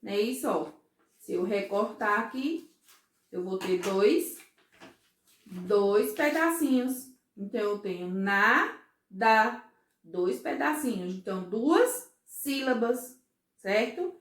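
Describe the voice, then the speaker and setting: Brazilian lady teaching little kids, slow and patient, kinda high voice, echoey room. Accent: Brazilian Portuguese. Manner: slow, patient, asks children "certo?" and "ó" often. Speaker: first-grade teacher. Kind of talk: recorded remote class for young children.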